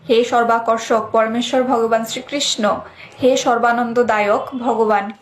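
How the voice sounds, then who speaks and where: A woman giving a scripted devotional explanation in a measured, explanatory way, often asking rhetorical questions. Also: sits high. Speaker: devotional teacher.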